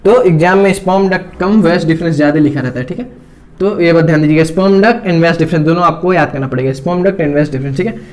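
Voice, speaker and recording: Man, teacher, fairly high voice, repeats each term, drawing while he explains. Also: fast talker. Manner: repeats terms, checks in with "theek hai" constantly. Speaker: biology teacher.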